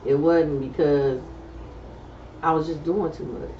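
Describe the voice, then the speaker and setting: A middle-aged woman speaks, candid and relaxed, full of fillers. She sits back from the microphone in a roomy space, and the recording is a little dull. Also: deep voice, a little slow, slight background noise. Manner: candid, loose conversational talk with many fillers. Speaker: podcast co-host. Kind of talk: casual chat. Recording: roomy, distant, slightly dull sound.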